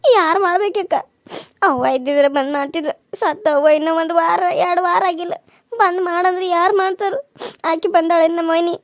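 A woman's voice: extremely high pitch, brisk, no room sound, clean studio sound. A woman voicing a young pregnant village wife, crying and pleading. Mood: despairing. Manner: weepy, pleading, self-pitying. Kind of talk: cartoon serial voice acting.

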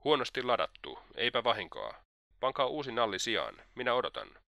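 A man's voice: medium pitch, very animated, gravelly, sharp tone, no room sound, voice pushed up, exaggerated voice. A man voicing a scheming, sensual man who taunts with mocking politeness in a storybook reading, in a raised voice.

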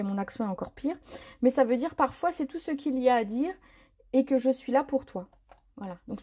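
A woman on the high side in pitch leads a live paper craft tutorial, demonstrating a technique. Her manner is easygoing and chatty, and she laughs at her slips as she keeps correcting herself.

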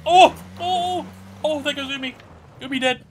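A man chatting with friends while gaming, laughing and yelling at the chaos on screen. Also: extremely high pitch, moderate pace, a little hiss or hum. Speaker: gamer and channel host. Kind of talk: casual gaming chat with friends.

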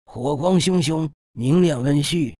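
A man narrating a fantasy audiobook in a steady, dramatic storytelling manner, recorded in a studio. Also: a little high, unhurried, dry recording.

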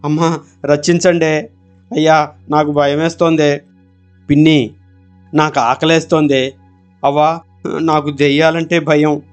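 Guy doing a bunch of loud little village boys hollering, a bit higher and drawn out, soft music behind. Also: little pitch movement, a little slow, long pauses, smooth, lightly acted. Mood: wailing. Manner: shouting, teasing, then wailing. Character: crowd of boisterous village boys, about ten.

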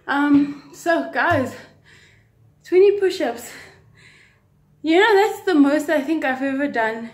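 A young woman with a high voice talks casually to her fitness vlog viewers. She records on a phone at arm's length in an echoey living room. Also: lively intonation, takes it slowly. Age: young adult. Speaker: fitness challenge vlogger. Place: home living room with tiled floor.

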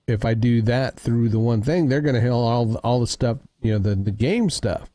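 A man's voice: mid-range voice, normal speed, dark tone. A man hosting a casual gaming livestream, thinking aloud as he fiddles with his audio settings. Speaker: streamer host.

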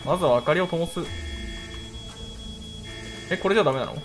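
A young man with a fairly high, very animated voice plays through a horror game. He is jumpy and exclamatory, often firing off the same short phrase several times. Music plays clearly behind him. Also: brisk. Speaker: game streamer. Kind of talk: horror game playthrough commentary. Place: small indoor room.

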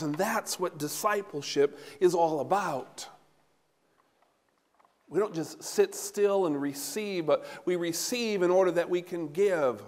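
Middle-aged male pastor, high voice, animated sermon delivery, long church reverb. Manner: animated, gesturing, walking about while preaching. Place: large church sanctuary before the altar. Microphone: no handheld mic, recorded from a far camera.

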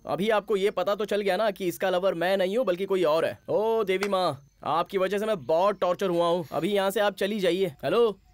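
An actor in a dubbed film playing a brash young hero, talking in an insistent, cocky way. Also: male voice, sits high, moderate pace, hardly any pauses, a little hiss or hum, close to an everyday voice. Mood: irritated.

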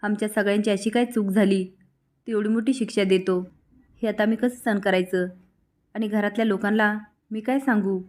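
A woman's voice: mid-range voice, fairly even intonation, fairly quick, darkish tone, close to an everyday voice. Brief: tearful, pleading family woman, read by a female narrator. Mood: distraught. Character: distressed woman, a family elder.

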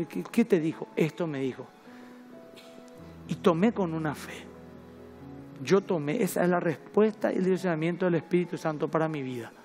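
A middle-aged man with a Paraguayan Spanish accent, preaching a sermon in a conversational way, mixing personal stories with Bible reading. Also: high-pitched. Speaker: pastor.

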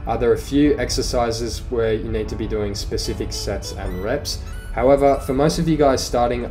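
Young male fitness coach, casual voice-over, soft music behind. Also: mid-range voice. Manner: relaxed, casual coaching with fillers. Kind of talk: instructional voice-over. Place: living room home gym. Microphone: voice-over, recorded separately.

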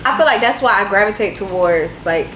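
A woman's voice: mid-range voice, animated, fairly quick, background noise. A young woman talking in a frank, straightforward way as a guest in a casual dinner chat. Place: room at a dinner table. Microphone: camera across the table. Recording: echoey room with music.

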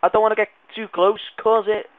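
A man giving excitable, jumpy let's play commentary, swearing and yelling when startled. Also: high voice, fairly quick, no room sound. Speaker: gaming video creator. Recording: tinny lo-fi mic sound.

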